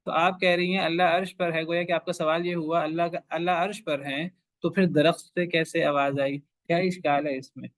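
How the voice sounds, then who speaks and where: A man's voice: fairly high pitch, little pitch movement, no echo. Emphatic male teacher, rhetorical questions. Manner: emphatic, asks rhetorical questions and repeats phrases. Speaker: Quran teacher. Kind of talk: religious lecture to a class.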